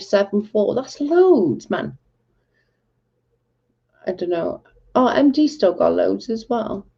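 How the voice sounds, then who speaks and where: A Welsh woman hosts a casual livestream, talking to her chat with bluntness and exasperation. Her mid-range voice is creaky and mellow, and the recording sounds muffled.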